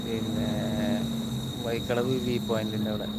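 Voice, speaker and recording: A man's voice: on the low side, flat delivery, moderate pace. Chatty Malabar Malayalam man, very noisy outdoors. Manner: chatty, informal, addressing viewers directly. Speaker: live stream host. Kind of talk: casual live-stream chat. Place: outdoors at a roadside hill viewpoint. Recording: very noisy outdoor recording, insects, vehicles.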